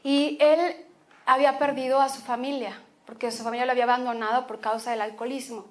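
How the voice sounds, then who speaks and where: High-voiced Mexican woman preaching. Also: fairly quick. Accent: Mexican Spanish. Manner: expressive preaching, repeats phrases for emphasis. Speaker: pastor. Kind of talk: sermon.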